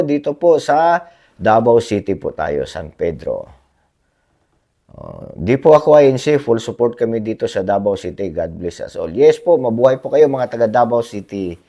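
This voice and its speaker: A man vlogging in a casual, rambling chat to his viewers, hoarse from a cough, politely tagging his sentences with little questions. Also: medium pitch, very animated, normal speed, mellow. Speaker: blogger reading viewer comments. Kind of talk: casual livestream-style chat.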